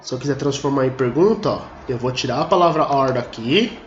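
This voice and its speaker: A male teacher giving a grammar lesson step by step, who reads example sentences slowly and deliberately and often says "look here" to the class. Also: medium pitch, lively intonation. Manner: explains step by step, often saying "ó" and "olha só". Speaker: English teacher. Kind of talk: video lesson explaining grammar at a board. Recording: roomy, dull sound with faint noise.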